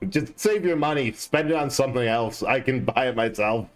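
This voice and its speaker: A man's voice: medium pitch, normal speed, faint music behind. A man streaming a game, chatting casually and laughing often as he jokes. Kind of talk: casual chat while gaming.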